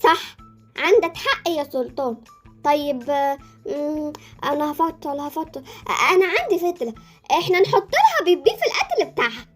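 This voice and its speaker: A woman's voice: high voice, very animated, fairly quick, soft background music. A woman voicing a cheeky, fearful little girl in a Roblox series, with an Egyptian accent. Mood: scheming. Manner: sassy, whiny.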